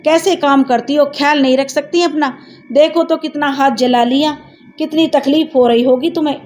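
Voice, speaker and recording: Woman voicing a gruff, caring young village man. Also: high voice, fairly even intonation, moderate pace, a little mellow, slight background noise, pitched above the performer's own voice, lightly acted. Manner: brusque, scolding.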